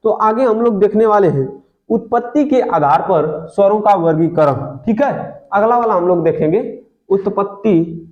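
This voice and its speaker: High-pitched guy teaching grammar, asks then answers himself, echoey room, muffled audio. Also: normal speed. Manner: asks questions and answers them himself, stretches vowels to demonstrate. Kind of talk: exam-prep grammar lesson.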